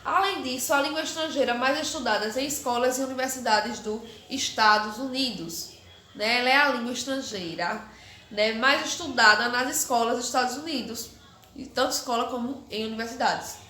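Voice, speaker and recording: Brief: middle-aged woman teacher, high bright voice, patient explainer, echoey room with faint hiss. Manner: explains slowly, keeps asking "né?" to check understanding. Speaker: Spanish teacher. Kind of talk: recorded online class.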